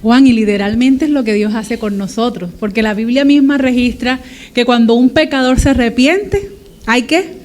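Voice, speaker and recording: A female preacher with a fairly high voice joins the sermon. She affirms her co-preacher and calls on the congregation to respond. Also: normal speed, a little mellow. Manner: affirming, asking the congregation to answer.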